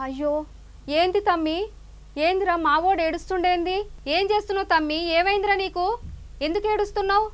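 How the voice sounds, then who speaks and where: Give me a woman comedy news anchor with a Telangana accent, fussing and consoling at a high pitch. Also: fairly even intonation, brisk, long pauses. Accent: Telangana Telugu. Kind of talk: comic news sketch banter. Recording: loud music playing behind.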